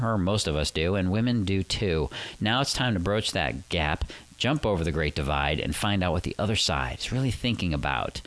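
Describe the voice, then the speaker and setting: A male podcast host, raspy and recovering from flu, talking persuasively and emphatically about dating, then interviewing a guest. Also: low-pitched, a bit bright. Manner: persuasive, emphatic, rising on key lines.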